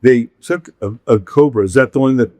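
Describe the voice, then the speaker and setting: A man's voice: medium pitch, a little fast, warm tone, no echo. A middle-aged man from California, hosting a casual chat and telling rambling stories with frequent laughs. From Pacific Palisades, California. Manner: rambling storyteller, laughs often. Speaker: podcast host.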